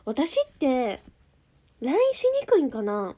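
A young woman with a Kansai accent talks casually on a livestream, her voice sitting a little higher than most. She chats freely, reading out viewer comments and answering them as she goes. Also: huge pitch swings, a little slow, dark tone. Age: young adult. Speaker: idol group member streaming live.

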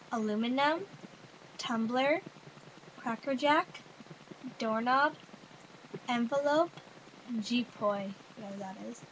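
A young woman from Ontario with a Canadian accent talks casually into a webcam at home, her voice sitting a little high. She rambles and hedges with "like" and "I don't know". The webcam recording has a clear hiss of noise behind her. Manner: chatty, rambling, says "like" and "I don't know" a lot. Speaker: vlogger. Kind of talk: casual accent tag video reading a word list.

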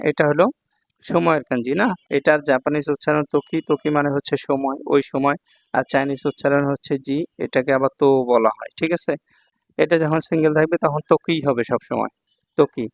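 This Bangladeshi man's voice sits on the high side and sounds gravelly, captured dry, as he leads a recorded online kanji lesson. Patient throughout, he walks through every word, says words again, and keeps asking "thik ache" to check in.

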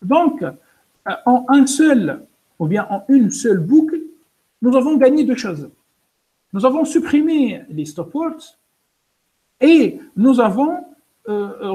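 Programming instructor, male, high-pitched and slow-paced, hesitant, lots of "euh", explains to students step by step. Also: warm tone. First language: French-speaking, pronounces English words poorly. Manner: hesitant, many fillers and restarts. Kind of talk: live coding lesson.

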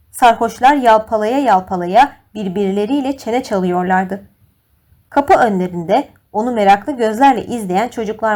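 A woman with a mid-range voice narrates a scripted audiobook, telling the story in a measured, expressive way.

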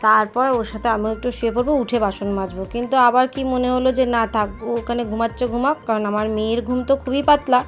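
A woman's voice: on the high side, steady tone, fast talker, hardly any pauses, soft background music. A woman in her thirties chatting casually in a voice-over about her cooking and housework, rambling and losing her train of thought. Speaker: home cooking vlogger.

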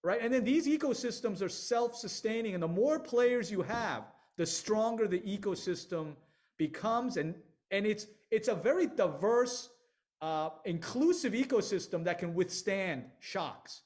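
High-voiced, energetic middle-aged man on a video call. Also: a little slow. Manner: energetic, emphatic, with frequent restarts. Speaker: venture capital panelist. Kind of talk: online panel discussion.

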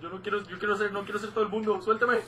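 A man's voice: sits high, fairly even intonation, racing, sharp tone, a little hiss or hum. A man commentating a horror game, jumpy and joking, swearing often. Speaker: gameplay commentator. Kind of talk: let's play commentary.

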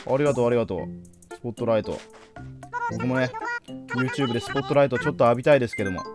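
A man's voice: medium pitch, racing, loud music behind the voice. A man giving casual let's play commentary, chatting playfully to the characters on screen as he plays. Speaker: game streamer.

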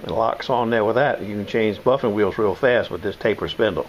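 A man's voice: lowish voice, a little fast, lo-fi sound, a little hiss or hum. An older man, casually demonstrating tools in his home workshop, rambling and folksy. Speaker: knife sharpener showing his shop tools.

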